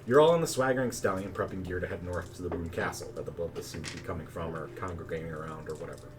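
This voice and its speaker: A man running a tabletop game as game master, narrating in a relaxed, chatty way with plenty of fillers. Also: deep voice, quick pace. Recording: distant mic, faint background noise.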